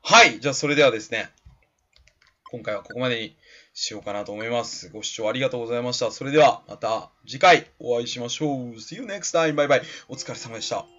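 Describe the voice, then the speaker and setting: A man's voice: medium pitch, fast talker, a bit bright. A man giving chatty, laughing commentary while playing a video game. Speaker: let's play commentator. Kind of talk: casual gameplay commentary. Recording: slightly dull lo-fi recording with faint game music.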